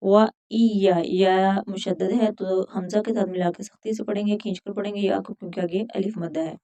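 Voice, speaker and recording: A woman teaching Quran recitation rules, chanting verses slowly and then explaining each letter in plain talk. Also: medium pitch, steady tone, vocal fry, dark tone. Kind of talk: recitation and tajweed instruction.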